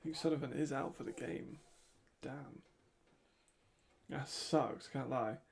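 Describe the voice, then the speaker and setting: A man's voice: medium pitch, unhurried, vocal fry, darkish tone. A man giving casual, chatty live commentary while watching a football game, laughing often and trailing off mid-thought.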